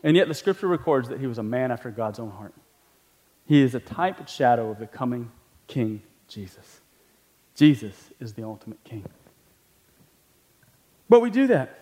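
A man preaching a sermon as pastor, talking conversationally with questions to the listeners, then climbing to emphatic peaks and dropping low. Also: sing-song, moderate pace, long pauses, mellow. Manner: laughs between points, asks the congregation questions.

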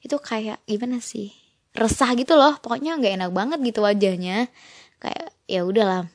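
A woman's voice: mid-range voice, no room sound. Young female podcast host, chatty storyteller who acts out the dialogue, dry close recording. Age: young adult. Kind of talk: casual storytelling.

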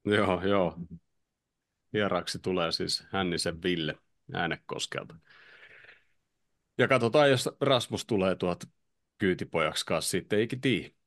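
Low-voiced Finnish man hosting a podcast. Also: long pauses, fairly bright tone, dry recording, clean studio sound. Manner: wraps up the show, chatty. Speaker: podcast host. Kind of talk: casual chat.

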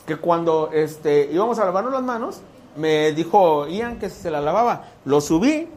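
A man's voice: on the high side, expressive, moderate pace, darkish tone. Mexican man preaching casually. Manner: conversational, asks the listeners questions. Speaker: church speaker. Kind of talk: casual sermon.

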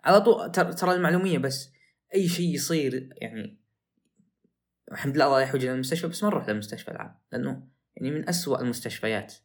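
A young man, hosting a podcast and telling a story in a casual, animated way that rises into excited outbursts. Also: medium pitch, racing. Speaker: podcast host.

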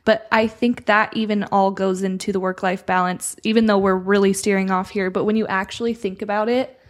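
Woman, podcast co-host, casual chat, reflective, earnest, even-pitched. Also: a little fast. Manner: reflective, earnest, with light laughs.

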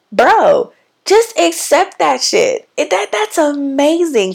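A young adult woman with a raspy, slightly sick voice, talking bluntly and casually on her solo podcast with slangy asides. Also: fairly high pitch. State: sick, hoarse voice. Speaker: podcast host.

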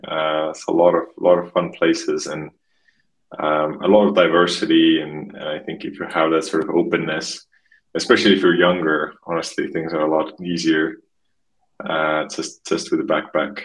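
A man from Estonia in his thirties, a podcast guest talking casually and haltingly, often restarting and repeating words. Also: a bass voice, flat delivery, poor audio. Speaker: podcast guest, marketing expert. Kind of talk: casual interview conversation.

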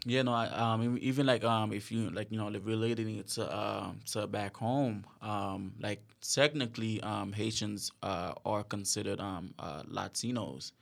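A man's voice: fairly low pitch, moderate pace, vocal fry, hardly any pauses. A man hosting a casual interview, hesitant and full of fillers. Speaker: host.

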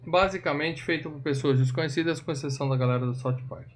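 A man's voice: a little high, fast, a little hiss or hum. A man co-hosting a casual film podcast, chatty and joking with wry asides. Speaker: podcast host.

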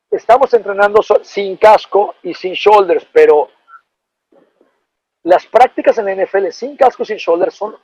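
A middle-aged former football player with a Mexican Spanish accent tells an anecdote in a casual, animated way, full of profanity and slang. His voice is high-pitched, and the audio is dull with no echo.

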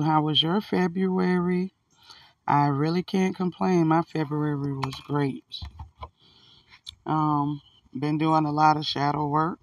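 Man, gravelly voice, slightly impaired articulation, earnest casual encouragement, occasional swearing, outdoors, somewhat distant from mic. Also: on the high side, no room sound, lo-fi sound. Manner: earnest, folksy, swearing now and then. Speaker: spiritual self-help vlogger. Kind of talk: casual unscripted motivational chat.

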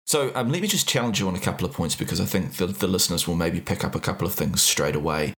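Deep-voiced podcast host man. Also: animated, a bit bright. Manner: measured, probing, many fillers. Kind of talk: casual podcast interview.

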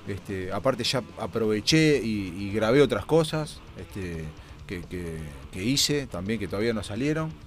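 Rambling guitarist, fillers galore. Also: male voice, on the low side, expressive, a little slow, soft background music. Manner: rambling, many fillers like "este" and "viste". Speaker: guest guitarist. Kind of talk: casual radio interview chat. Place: radio studio.

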